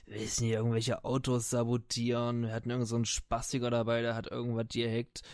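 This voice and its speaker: A man's voice: mid-range voice, monotone, fast talker, a little mellow, no echo, clean studio sound, natural voice. A man playing a crude, foul-mouthed soldier being questioned in a tabletop role-play, swearing and dismissive in his slangy answers. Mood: scornful. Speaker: game master voicing a character.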